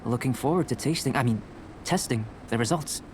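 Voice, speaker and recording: A man playing a composed young alchemist in a video game, speaking in a measured, formal, analytical manner. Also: mid-range voice, background noise, lightly acted. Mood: calm, analytical. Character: calm, courteous young male alchemist and researcher. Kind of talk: video game character dialogue.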